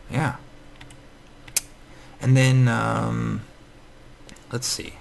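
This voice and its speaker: A man's voice: medium pitch, little pitch movement, drawn-out words, gravelly. A man with a scratchy morning voice giving casual, rambling gameplay commentary full of fillers and restarts. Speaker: Minecraft let's player.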